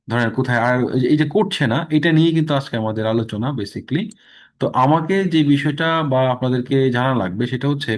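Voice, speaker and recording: Bangladeshi man teaching pronunciation. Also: mid-range voice. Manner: explains rules slowly, repeats example words. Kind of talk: online lesson.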